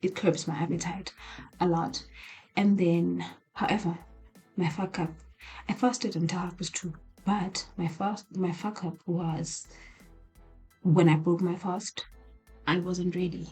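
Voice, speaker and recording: A woman's voice: fairly low pitch, steady tone, a little slow, long pauses, slightly rough, soft background music. A woman whispering a candid late-night diary vlog in a small apartment, rambling with many restarts. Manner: hushed whispering. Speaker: video diarist.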